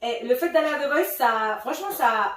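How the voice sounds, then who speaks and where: A woman singer from Switzerland in casual chat, lively and laughing often, trailing off mid-sentence. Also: high voice, moderate pace. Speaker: singer in a vocal group. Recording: roomy, distant from mic, faint noise.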